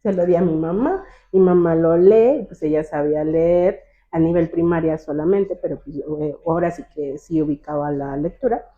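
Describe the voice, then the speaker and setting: Animated young woman over a phone line. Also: low voice, normal speed. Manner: animated, acts out quoted voices of teachers and family. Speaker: guest. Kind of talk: personal storytelling in an interview.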